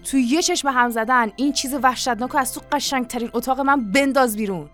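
A woman's voice: sits high, soft background music, close to an everyday voice. A woman reading an audiobook, voicing a stern, no-nonsense country wife who speaks sharply and firmly. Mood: stern scolding. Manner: sharp, scolding, firm.

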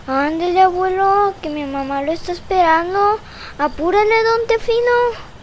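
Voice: very high-pitched, unhurried, slight background noise. Una voz que interpreta a un niño fantasma travieso y quejón con acento mexicano. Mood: cheeky. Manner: whiny, teasing. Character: cheeky little boy ghost.

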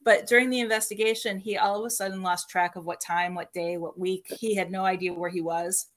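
A woman's voice: on the low side, steady tone, a little fast. A woman guest on a podcast, casually telling stories about her paranormal work and laughing often between sentences. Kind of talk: casual storytelling interview.

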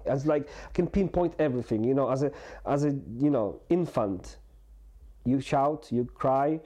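Guest in his 40s, mellow voice, halting and candid, lots of restarts. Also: medium pitch. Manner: halting, full of restarts and fillers; earnest and open. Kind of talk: candid personal conversation.

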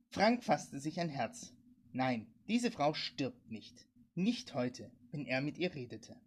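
A woman narrating a suspense story aloud in a steady, dramatic way. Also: low-pitched, husky.

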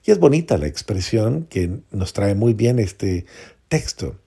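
A man preaching a homily as a priest, earnest, repeating phrases for emphasis and dropping to soft prayerful tones. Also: on the low side, sing-song, a little slow, creaky, slightly rough.

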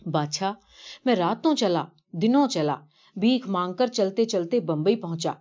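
A woman's voice: medium pitch, animated, a little mellow, natural voice. A woman doing a humble devout old man. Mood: humble, earnest. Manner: humble, earnest storytelling. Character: poor elderly man, devout pilgrim, humble. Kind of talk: story reading. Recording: dull lo-fi recording.

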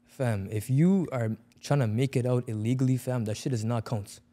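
In casual chat, a young Toronto man with an urban accent uses lots of slang and circles back over his words for emphasis. He speaks at a moderate pace with a warm, medium-pitched voice.

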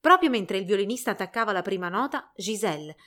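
A woman reading a fairy tale aloud in an expressive storybook narration. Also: medium pitch, fast talker.

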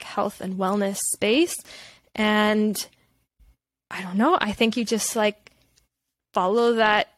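With no room sound behind her, this mid-range female voice belongs to a podcast guest from Canada who works as a holistic nutritionist. The casual interview has her rambling candidly and reflectively. "Like" crops up constantly as filler.

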